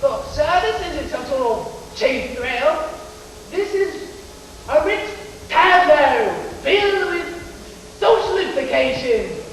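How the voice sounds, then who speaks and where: A high school actor playing a scheming tramp with a high-pitched, drawn-out showman's pitch, hustling every line. The voice is heard from far off in a very echoey school hall with long reverb and faint hiss, caught on an old camcorder. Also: sing-song, fairly bright tone, full character voice. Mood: pushy. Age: teens. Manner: theatrical salesman's patter, drawn-out emphasis. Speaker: student actor. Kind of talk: 1980s high school stage play. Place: school auditorium stage. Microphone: distant camcorder mic.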